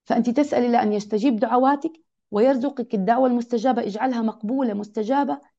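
Fast-talking woman giving a religious lesson. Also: a little high, mellow. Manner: earnest, exhorting, repeats key phrases. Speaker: religious teacher. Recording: dull lo-fi recording.

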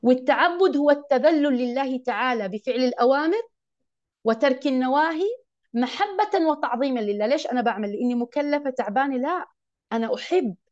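A woman teaching a religious lesson to women, emphatic and often asking her listeners questions. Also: high voice. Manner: emphatic, asks the audience questions. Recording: dull lo-fi recording.

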